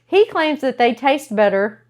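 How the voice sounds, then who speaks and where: Woman, podcast co-host, animated storyteller, wide-ranging pitch, playful delivery. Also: measured pace. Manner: animated, laughs often, acts out quotes. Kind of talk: casual chat.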